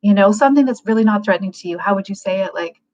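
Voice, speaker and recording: A woman's voice: medium pitch, very fast, a little mellow. A woman hosting a livecast, giving frank, casual advice and thinking aloud with plenty of fillers. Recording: dull lo-fi livecast audio.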